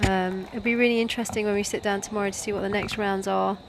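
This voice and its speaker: A woman's voice: mid-range voice, fairly even intonation, fast talker, noisy background. A woman commentating live on a sport event in a chatty, joking way, often thinking aloud.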